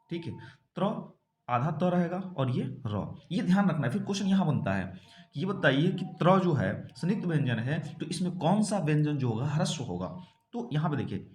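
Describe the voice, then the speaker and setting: Lively man teaching a grammar class. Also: fairly high pitch, roomy sound. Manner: explains step by step, asks and answers his own questions. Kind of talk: exam-prep grammar lesson.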